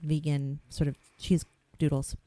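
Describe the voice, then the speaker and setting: A woman's voice: low voice, flat delivery, a little slow, warm tone, no room sound. A woman co-hosting a casual podcast with her husband, rambling and self-deprecating. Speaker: podcast co-host. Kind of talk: casual chat.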